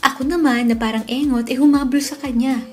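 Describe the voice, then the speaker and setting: Young woman, first-person storytelling, expressive delivery, somewhat high voice, soft music in the background. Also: a little fast. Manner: expressive, swings into loud excited shouts. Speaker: narrator and dubber. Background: faint background music.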